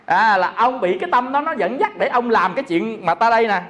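Male Buddhist teacher, Southern Vietnamese accent, high-pitched, repetitive explanatory sermon delivery. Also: animated, a little fast, a bit bright. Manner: explains by repeating and asking listeners rhetorical questions. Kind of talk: dharma talk.

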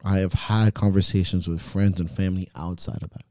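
A man's voice: deep voice, steady tone, a little fast, warm tone, no echo, clean studio sound. A man hosting a podcast as a coach, talking in a frank, reflective way and swearing freely. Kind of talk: casual podcast chat.

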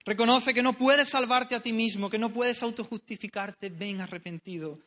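A man's voice: very high-pitched, little pitch movement, normal speed, pushed and bright. A man preaching an earnest, pleading sermon, repeating phrases for emphasis.

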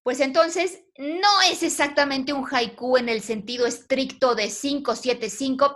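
A woman with a high, fairly bright voice teaches a poetry class online. She patiently quizzes her students, putting questions to the class.

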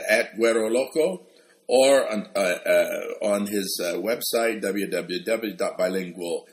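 A male radio show host introducing a guest, halting and full of fillers. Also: lowish voice. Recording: roomy echo.

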